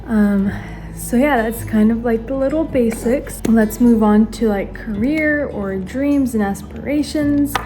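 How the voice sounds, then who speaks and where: This stay-at-home mom, in her early twenties, was born in Ukraine and grew up in the US; she talks earnestly to camera while applying makeup in a get-ready-with-me clip, using the camera as her mirror. Her voice runs high and warm at a measured pace. Faint music plays behind her, and the audio is poor.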